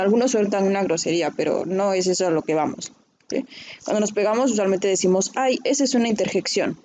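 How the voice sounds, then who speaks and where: A woman's voice: mid-range voice, a little mellow, slight background noise. A woman teaching a writing class, explaining patiently and often checking in with her students. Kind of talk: recorded online class.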